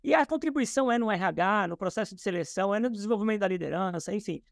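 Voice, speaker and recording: Male guest from Brazil, gravelly and dry, thoughtful explainer on a video call. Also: sits high, lively intonation, fast talker, no echo. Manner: thoughtful, many fillers and restarts. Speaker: podcast guest. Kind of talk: explanatory interview talk. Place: his office.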